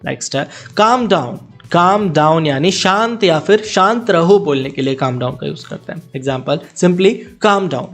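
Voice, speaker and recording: A man teaching English vocabulary in Hindi. He spells each word and says each example sentence slowly, then explains it quickly. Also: on the high side, lively intonation, a bit bright, faint music behind.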